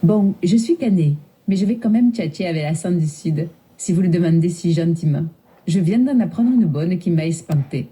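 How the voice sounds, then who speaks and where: A woman's voice: lowish voice, lively intonation, normal speed, warm tone, slightly rough. A synthetic woman's voice playing a chirpy female voice assistant with a put-on Southern French accent and playful regional slang. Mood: cheerful.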